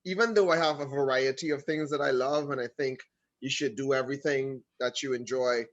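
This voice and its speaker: In this casual video call interview, the guest, a man from Trinidad and Tobago, speaks with a Trinidadian accent and a medium pitch. He tells his story animatedly, with quick asides throughout. The recording's highs are cut off.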